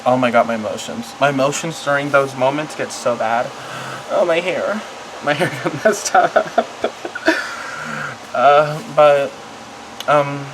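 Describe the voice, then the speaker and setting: Halting, self-conscious vlogger with mid-pitched voice, noisy room. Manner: halting, rambling, trailing off. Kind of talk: casual confessional talk to camera.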